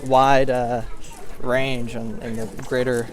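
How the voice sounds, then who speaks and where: A man's voice: medium pitch, level tone, takes it slowly, noisy background. A man co-hosting a podcast, chatting easily and laughing often as he walks around a zoo. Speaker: podcast co-host. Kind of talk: casual chat. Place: outdoors at a crowded zoo. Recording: crowd chatter behind.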